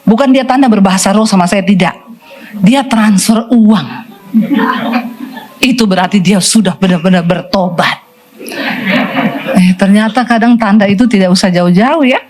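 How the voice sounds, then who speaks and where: A middle-aged woman preaches a sermon in a lively, colloquial storytelling style. She acts out quoted voices and slips English phrases in among her asides. Faint music plays underneath. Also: medium pitch, normal speed, long pauses. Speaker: pastor.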